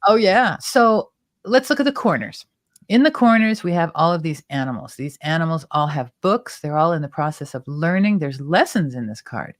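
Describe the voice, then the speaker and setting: A woman's voice: sits low, normal speed, no echo, studio quality. A woman hosting a tarot talk show, chattily explaining the cards and their symbols at length. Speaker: tarot reader and show host.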